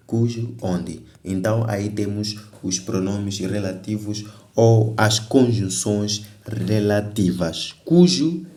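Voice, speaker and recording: A man walks through a grammar lesson for an exam, repeating examples and stopping to correct himself. His voice sits a little low and sounds mellow and dark. The recording has noticeable room echo. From Mozambique. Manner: explains step by step, repeats examples, corrects himself mid-sentence. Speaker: teacher.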